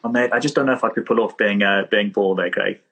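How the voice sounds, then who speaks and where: A man's voice: fairly low pitch, quick pace, a bit bright, slight background noise. A man with a thick South African accent, a chiropractor chatting casually as a podcast guest, modest and self-deprecating.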